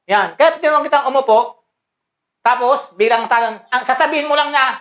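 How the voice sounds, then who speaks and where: A woman's voice: high voice, a little fast, heavy background noise. A woman playing a teasing karate teacher in a comedy skit, calling out short commands and laughing often.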